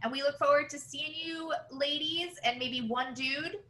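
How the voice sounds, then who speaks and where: A woman's voice: high voice, steady tone, moderate pace, bright, forceful tone, roomy sound. A woman co-hosting a podcast in casual chat, chatty and giggly, with loose asides and running commentary. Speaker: podcast co-host.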